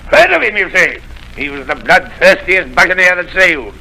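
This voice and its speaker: A blustering country squire in an old radio play, his voice high and swooping wildly as he boasts. There is a gravelly edge to his exclamations, with orchestral music underneath. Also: moderate pace, exaggerated voice, low-quality recording. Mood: hearty. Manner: excitable, exclaiming, theatrical. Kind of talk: 1930s radio drama acting.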